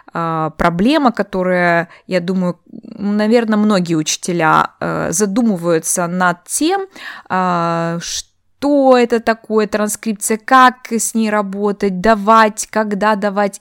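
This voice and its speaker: A woman's voice: medium pitch, dry recording, clean studio sound. A woman who teaches English, speaking in a reflective, explanatory way as she answers a listener's question on her podcast. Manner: reflective, explanatory, shares a personal opinion.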